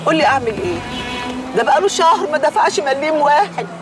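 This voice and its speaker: A woman's voice: high voice, animated, fast. An actress with an Egyptian accent playing a weary, defensive mother. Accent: Egyptian Arabic. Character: weary mother selling by a mosque, middle-aged. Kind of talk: TV series acting. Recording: drama music behind.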